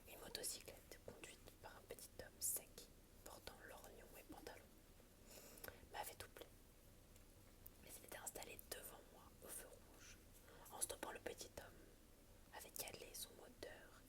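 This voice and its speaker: A woman's voice: a little slow, pauses often. Whispering woman reading aloud, ASMR. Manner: soft library whisper, unvoiced. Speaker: ASMR reader.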